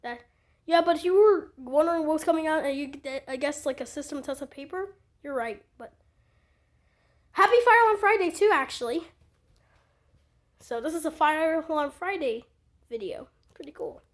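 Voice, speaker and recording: A woman with a slightly raspy voice, chatting casually about her fire alarm collection and rambling with lots of fillers, recorded on a phone. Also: high-pitched, moderate pace. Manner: rambling, with many fillers and restarts. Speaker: fire alarm hobby vlogger. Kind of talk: casual show-and-tell chat.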